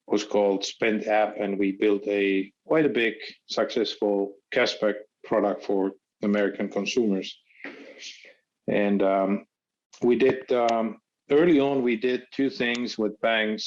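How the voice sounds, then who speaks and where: A startup founder from Finland, talking as a guest in a hesitant way with many fillers. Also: male voice, lowish voice, lo-fi sound.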